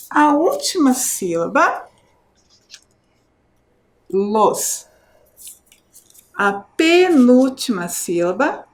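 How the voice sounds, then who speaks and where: A primary school teacher with a high voice and a Brazilian Portuguese accent gives a televised lesson to children. She explains slowly and clearly, syllable by syllable, checking in with questions.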